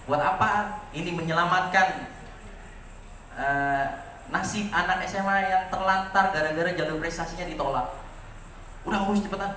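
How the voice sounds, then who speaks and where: A man in his forties, a teacher, giving a lively farewell speech to his graduating students and telling stories with rhetorical questions. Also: high-pitched, normal speed, pauses often, far from the mic, slight background noise. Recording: echoey room, voice from afar, audible ambience.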